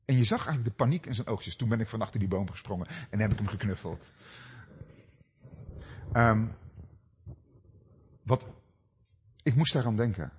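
A middle-aged man preaching a sermon, telling stories with dramatic swings between loud cries and hushed, low passages. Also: normal speed, long pauses, breathy edge. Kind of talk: sermon with personal story.

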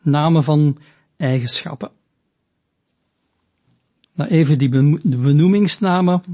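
A man delivers a teaching sermon at a very unhurried pace. His voice is somewhat husky and sits a little high, and he leans into quoted lines with rising emphasis. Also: mellow. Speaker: preacher.

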